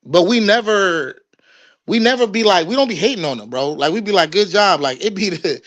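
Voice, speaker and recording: A man's voice: high voice, animated, fairly quick, fairly bright tone. A young man from Washington, D.C., hosting a podcast in loose, slangy casual chat, laughing often. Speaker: podcast host.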